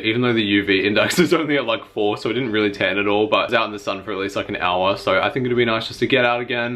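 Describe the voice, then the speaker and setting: A man's voice: on the low side, a bit bright. A young adult man talking casually to camera in a video diary, chatty and informal with lots of filler words. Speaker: vlogger.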